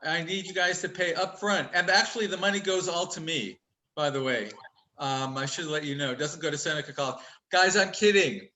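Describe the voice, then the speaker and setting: A man teaching a casual online college class over a video call, chatty and upbeat, quick-talking and fond of teasing his students with jokes. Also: on the high side, bright, forceful tone, rough recording. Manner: talks quickly. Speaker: college instructor.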